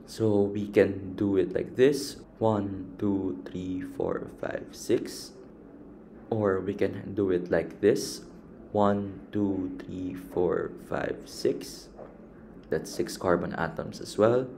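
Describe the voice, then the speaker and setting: A man's voice: sits low, fairly even intonation, slow, warm tone, a little hiss or hum. A man patiently explaining a chemistry lesson step by step and counting items aloud. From Philippines. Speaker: chemistry teacher.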